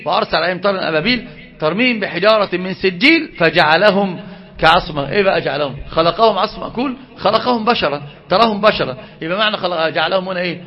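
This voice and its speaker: A man giving an animated Islamic lesson, asking his listeners questions and answering them himself. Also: sits high, lo-fi sound. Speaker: religious teacher.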